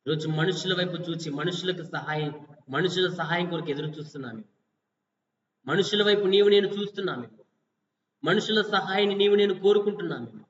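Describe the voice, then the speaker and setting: A man preaching a fasting-prayer sermon, firing repetitive rhetorical questions at listeners and swinging between loud exhortation and quiet passages. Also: high voice. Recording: distant, echoey, dull lo-fi.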